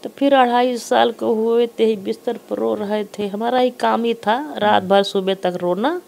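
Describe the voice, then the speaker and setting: A woman's voice: on the high side, measured pace, vocal fry, a little mellow. A middle-aged woman, earnestly retelling a family story in heavy dialect, repeating herself. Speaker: interviewee, mother. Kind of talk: emotional personal storytelling.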